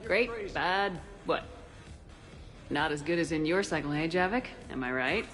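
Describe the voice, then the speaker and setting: A woman's voice: low voice, lively intonation, measured pace, over music. A woman playing a confident military commander in a video game, bantering in a friendly, casual, teasing way.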